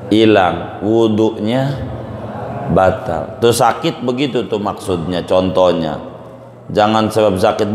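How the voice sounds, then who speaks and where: A man with a Betawi Jakarta accent teaching a religious study lecture, making folksy jokes to the audience. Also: mid-range voice. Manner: folksy joking asides to the audience. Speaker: Islamic teacher. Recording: echoey hall with faint room noise.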